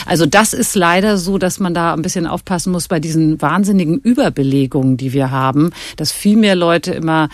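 A man's voice: on the high side, no echo. A man answering as an expert guest, thinking aloud with many fillers. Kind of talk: casual spoken explanation.

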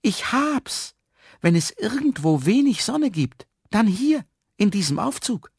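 A man voicing a small, cheerful man in a storybook reading, high and eager. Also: animated, a little slow, no room sound, clean studio sound, heavily acted. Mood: excited.

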